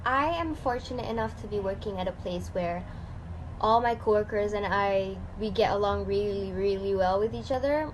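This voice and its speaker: Young woman, measured, noisy recording. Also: mid-range voice. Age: 20s. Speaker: student guest. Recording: noisy background.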